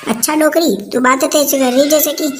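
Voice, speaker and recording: A woman's voice: high-pitched, fairly even intonation, brisk, a little hiss or hum, lightly acted. A woman playing a defiant, sarcastic young daughter-in-law who talks back to her mother-in-law in a comic family skit.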